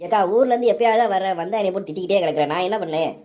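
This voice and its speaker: A woman's voice: mid-range voice, rapid-fire, mellow, close to an everyday voice. A woman voicing a young man in a cartoon, a younger brother who answers his big sister defensively. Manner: pleading, defensive.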